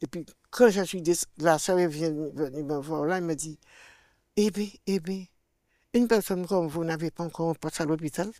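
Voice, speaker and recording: An older woman with a Martinican French accent tells a personal faith testimony as an interview guest. She acts out the dialogue she quotes and swings between loud and hushed. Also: sits low, normal speed, no room sound, studio quality.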